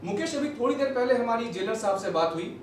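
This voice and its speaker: A man's voice: very high voice, lively intonation, quick pace, a little hiss or hum. An actor on stage playing a male TV reporter, who speaks formally and proudly stresses his channel's scoop. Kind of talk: stage play acting. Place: theatre stage. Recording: echoey hall, captured from far off.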